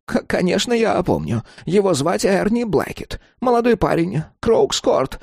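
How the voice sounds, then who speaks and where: A man's voice: high voice, sing-song, unhurried, creaky, darkish tone, breathy edge, no echo, studio quality, pitched above the performer's own voice, full character voice. A man voicing a servile, frightened old pawnbroker with a wheezy, trembling voice. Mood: stammering.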